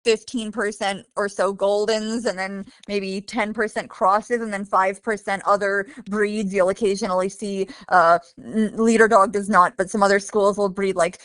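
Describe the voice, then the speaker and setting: A woman's voice: mid-range voice, fairly even intonation, normal speed, few pauses, a bit bright, clear, resonant tone, no echo. A woman from Bosnia, a guide dog handler, speaking as a podcast guest in a detailed, informative way with many fillers. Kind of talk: conversational interview.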